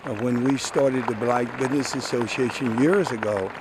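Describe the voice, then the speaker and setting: A man's voice: medium pitch, normal speed. An older man, a community guest, speaking outdoors in a plainspoken, appreciative way. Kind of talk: outdoor event interview. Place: outdoors at a city event. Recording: crowd noise behind. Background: crowd.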